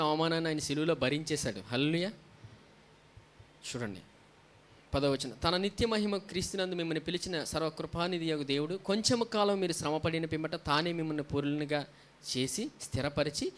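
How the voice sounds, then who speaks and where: A man's voice: a little high, fairly bright tone. A man preaching a sermon as a pastor, often asking the congregation questions and answering them himself, with frequent hallelujahs. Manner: frequent hallelujahs between points.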